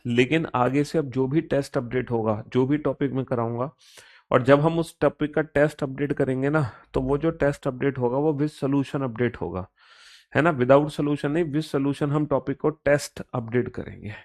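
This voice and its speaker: A man's voice: medium pitch, fairly even intonation, normal speed, a little mellow. A man with an Indian accent teaching a live online reasoning class, chatty and playful, joking with students between explanations.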